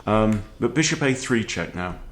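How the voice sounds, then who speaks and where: A man's voice: on the low side, animated, normal speed, a little hiss or hum. A man in his forties giving casual chess game commentary in a conversational way, often checking in with short questions. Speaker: chess video host. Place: book-lined room at home, indoors.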